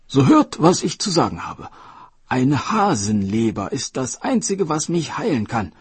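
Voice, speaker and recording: A man's voice: medium pitch, very animated, unhurried, husky, no room sound, pitched above the performer's own voice, full character voice. A man voicing a sick, desperate old dragon king who pleads and commands his court. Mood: commanding.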